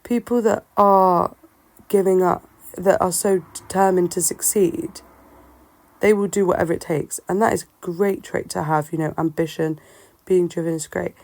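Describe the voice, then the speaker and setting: Woman, lowish creaky voice with a sore-throat sound, for a halting, reflective solo monologue. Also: fairly even intonation, darkish tone, no echo. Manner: halting, musing, self-questioning. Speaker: solo host of a personal talk show.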